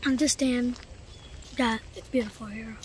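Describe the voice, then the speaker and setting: Young woman, really high bouncy voice, slow easygoing talk, outdoor noise. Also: steady tone. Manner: giggly, easygoing, says "like" a lot. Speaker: vlogger. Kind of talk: casual outdoor vlog chat. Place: outdoor park trail by a river. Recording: outdoor phone recording with background noise. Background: outdoor ambience.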